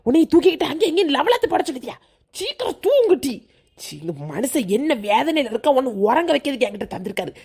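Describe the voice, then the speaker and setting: A woman's voice: sits high, very animated, quick pace, a little mellow. A woman voicing a tired village mother coaxing her child to sleep, in a Kanyakumari Tamil accent. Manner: coaxing, grumbling. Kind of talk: cartoon voice acting.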